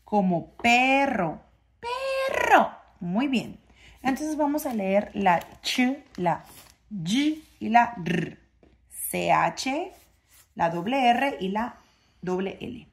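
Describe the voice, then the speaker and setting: A woman's voice: mid-range voice, lively intonation, takes it slowly, gravelly. Lady reading letters to a little kid, sing-song, stretches out the sounds. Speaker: children's book reader. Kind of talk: reading a phonics book to a child.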